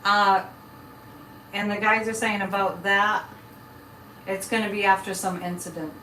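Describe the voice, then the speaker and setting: A woman's voice: mid-range voice, steady tone, unhurried, bright, forceful tone. A woman hosting a casual live psychic chat, rambling and breaking off mid-thought as she talks to viewers. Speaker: live show host and psychic. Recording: echoey room, distant mic, faint noise.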